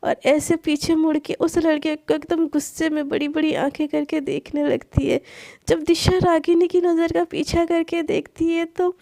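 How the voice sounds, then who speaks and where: A woman telling a love story in a chatty, lively spoken retelling. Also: sits high, normal speed, vocal fry, no room sound, clean studio sound.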